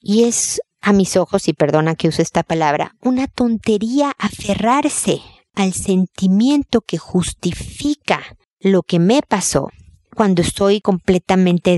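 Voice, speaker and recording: A woman's voice: mid-range voice, a little mellow, no echo, studio quality. Direct, emphatic woman giving advice. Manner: direct, emphatic, often repeats the listener's name. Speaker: advice show host. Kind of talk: advice to a listener.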